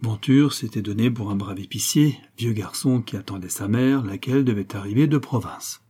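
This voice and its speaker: Male audiobook narrator, steady measured reading, husky, mellow. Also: lowish voice. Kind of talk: scripted narration.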